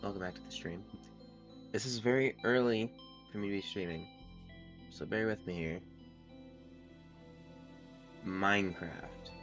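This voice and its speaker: Deep-voiced man on a livestream headset mic. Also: a little slow, pauses often. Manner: relaxed, thinking aloud, trailing off. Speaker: gaming streamer. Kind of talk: casual livestream chat while playing. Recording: music playing behind the voice. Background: background music.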